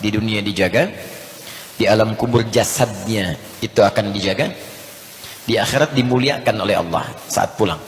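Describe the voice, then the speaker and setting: A man preaching a lively sermon to a congregation, joking and swinging from low murmurs to loud emphatic lines, now and then chanting Arabic phrases. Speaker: ustaz, preacher. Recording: long hall reverb with faint hiss.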